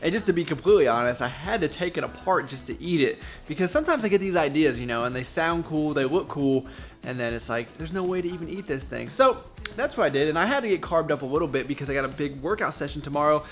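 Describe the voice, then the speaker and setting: A man's voice: fairly high pitch, animated, fast talker. Chatty young man vlogging over faint music. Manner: chatty and upbeat, self-mocking asides. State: out of breath after lifting. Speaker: fitness vlogger. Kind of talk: casual vlog talk to camera. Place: home gym.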